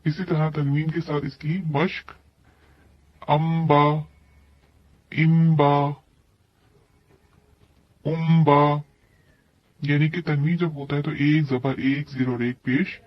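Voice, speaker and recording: A man teaching a tajweed lesson, patiently explaining each rule and repeating every example word slowly. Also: on the high side, steady tone, no echo, dull audio. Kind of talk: tajweed lesson explaining Quran reading rules.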